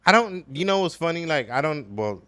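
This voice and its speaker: A man from El Salvador, a podcast guest, talking reflectively about his upbringing with many pauses and fillers. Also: fairly high pitch, sing-song, a bit bright, no echo. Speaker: podcast guest, business owner. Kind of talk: casual conversational interview. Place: gallery space.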